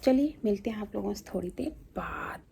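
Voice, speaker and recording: A woman's voice: medium pitch, lively intonation, a little fast, vocal fry, background noise. A woman vlogging her morning at home, chatting casually while she cooks and cleans in her kitchen and walks outdoors. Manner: chatty, walks viewers through chores; speaks softly at times so neighbours are not disturbed.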